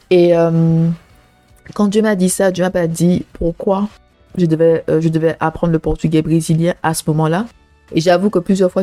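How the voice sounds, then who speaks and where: Speaking directly to listeners, a podcast host in her 30s talks about faith in a casual, personal way. Her voice is low and mellow, she uses lots of "euh" and "hein" fillers, and her delivery leans toward preaching.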